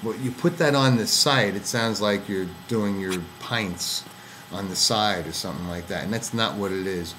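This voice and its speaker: A low-voiced man from Pennsylvania chats casually about what he wants in a partner, wandering through his thoughts with plenty of ums and restarts. A faint hum of noise sits under the voice. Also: normal speed. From Pennsylvania, USA. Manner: rambling, with many fillers and restarts. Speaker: co-host. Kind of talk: casual chat.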